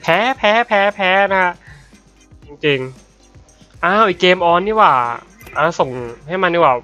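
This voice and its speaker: Chatty gamer man, bright voice. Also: high-pitched, animated, a little slow. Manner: chatty, swears casually, frequent polite particles. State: slightly unwell voice. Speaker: gaming YouTuber. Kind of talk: casual game commentary. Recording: dull lo-fi audio with game music.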